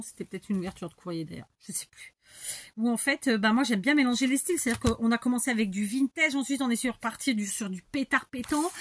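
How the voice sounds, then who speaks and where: A woman's voice: fairly high pitch, fairly bright tone, a little hiss or hum. A middle-aged woman chatting casually as she works through a scrapbooking tutorial, rambling and talking to herself, a bit stuffy. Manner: rambling, chatty, talks to herself while working. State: stuffy, needs to blow her nose. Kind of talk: casual tutorial chat while crafting.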